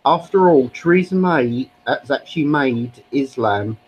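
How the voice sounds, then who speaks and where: A British man with a medium-pitched, animated voice argues politics on a live stream, taking his time. He's opinionated and lecturing, using "actually" a lot in this casual political argument. The recording is rough, with a little hiss or hum.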